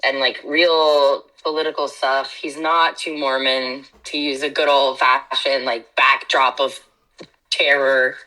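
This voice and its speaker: Low bright woman heard through laptop speakers. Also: level tone, slow, poor audio. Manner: blunt, frank and laughing. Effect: voice played through laptop speakers from earbuds and re-recorded by a laptop mic. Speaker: podcast co-host. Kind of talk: casual chat.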